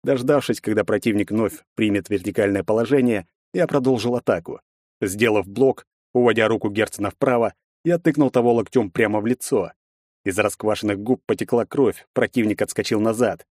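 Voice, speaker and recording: A man narrating a first-person fantasy audiobook in a measured storytelling manner. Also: on the low side, a little mellow, no echo, studio quality.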